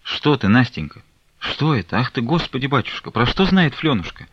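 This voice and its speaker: A man's voice: mid-range voice, big pitch swings, normal speed, fairly bright tone, slightly rough, no echo, voice pushed up. A man reading aloud voices an elderly pious mother who pleads and laments over her daughter, on a dull lo-fi recording. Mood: pleading.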